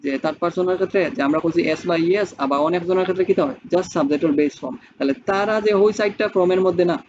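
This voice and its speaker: A man's voice: high-pitched, very fast, a little mellow, highs cut off, a little hiss or hum. A man teaching spoken English, who explains step by step and keeps asking rhetorical questions.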